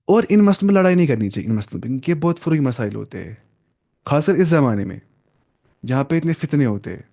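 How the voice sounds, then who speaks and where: Male teacher, slightly high voice, easygoing lecture delivery that circles back on key words. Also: big pitch swings, dark tone. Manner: conversational, repeats key terms, mixes English phrases. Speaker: religious studies teacher. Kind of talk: informal classroom lecture.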